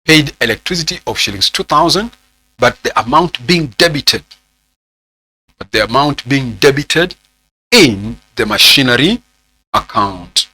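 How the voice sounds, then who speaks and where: A man with a Kenyan accent teaching an accounting lesson, asking the class questions and repeating phrases slowly so students can write them down. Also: medium pitch, expressive, bright, forceful tone, low-quality recording. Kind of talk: classroom lecture with dictated notes.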